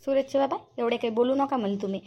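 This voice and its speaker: A touchy, scolding elderly village woman from a cartoon comedy, voiced by a woman. She talks high and fast. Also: lo-fi sound. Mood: indignant. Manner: indignant, scolding. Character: touchy elderly village woman Shantabai, proud of her dress. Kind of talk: cartoon voice acting.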